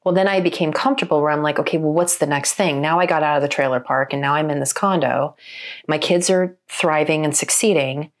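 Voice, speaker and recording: Low-voiced woman telling her story. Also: brisk. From Arizona, US. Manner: earnest, reflective, speaks in long flowing runs. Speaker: matchmaker, podcast guest. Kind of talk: candid conversational storytelling. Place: podcast studio.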